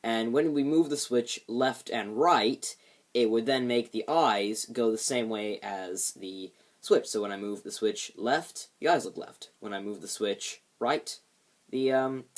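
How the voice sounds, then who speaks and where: A man's voice: mid-range voice, unhurried. A man giving a casual hands-on demonstration of a homemade build, explaining it with light self-deprecation.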